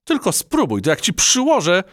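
A man's voice: a little high, wildly swooping pitch, moderate pace, dry recording, studio quality, voice pushed up. A man voicing a feisty young female house mouse in a storybook reading, speaking boldly and indignantly. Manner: indignant, bold, curious.

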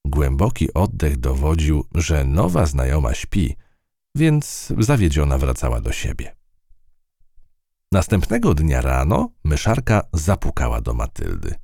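Deep-voiced man reading a storybook, gravelly, slow and very lively in pitch. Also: dry recording, studio quality. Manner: expressive, unhurried storytelling. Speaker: narrator.

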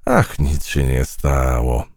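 A conceited butterfly princess from a children's story, drawling each word slowly and grandly, as a man puts her on. Her voice rises a little and swoops with lofty self-regard. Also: low voice, huge pitch swings, gravelly, darkish tone, no room sound, clean studio sound, exaggerated voice. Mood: haughty. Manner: slow, drawn-out and pompous. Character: vain butterfly princess, female, haughty and self-admiring.

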